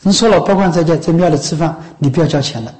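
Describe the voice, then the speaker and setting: A man's voice: on the high side, fast, darkish tone, poor audio. A man, a Buddhist monk, giving an informal dharma talk to lay followers. He talks in a chatty, coaxing way, keeps asking his listeners whether they understand, and coughs now and then. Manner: conversational, often asks "知道吗？" and "是不是？".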